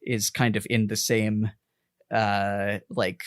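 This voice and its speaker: A man's voice: lowish voice, flat delivery, takes it slowly, no echo, studio quality. A man co-hosting a podcast in a casual chat, rambling, laughing often and swearing freely. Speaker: podcast co-host.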